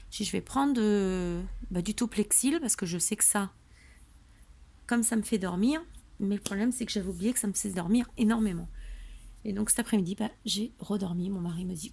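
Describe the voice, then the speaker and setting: A woman's voice: mid-range voice, creaky, a little mellow. A woman hosting a home papercraft tutorial, drowsy and tired, chatting in a rambling way with lots of fillers. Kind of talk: casual tutorial chat. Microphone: camera on a tripod.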